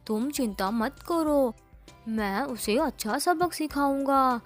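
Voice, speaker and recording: A woman's voice: high voice, slow pace, faint music behind. A woman voicing a scheming, bullying male crow who threatens a small bird. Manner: blustering, threatening.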